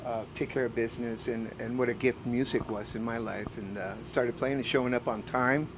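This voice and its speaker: Middle-aged man, earnest and hesitant, casual backstage interview with clear background noise. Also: medium pitch, steady tone, fairly quick. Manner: earnest and reflective, frequent "uh" hesitations. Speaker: bass player. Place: backstage at a music festival.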